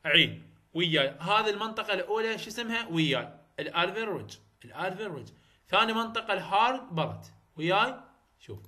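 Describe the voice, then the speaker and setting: Bright, high-voiced Iraqi man lecturing. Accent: Iraqi Arabic. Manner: repetitive, checks understanding, mixes English terms into Arabic. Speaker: university English lecturer. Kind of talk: recorded phonetics lecture.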